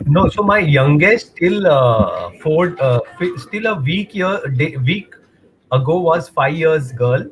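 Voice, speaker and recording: A Mumbai man in his forties with an Indian English accent, a runner and motivator, chats as a guest in a casual video-call interview and slips into Hindi. He is hesitant and rambling, with many fillers, yet his rather high voice is very animated and his pace slow. The audio is poor, with a little hiss or hum.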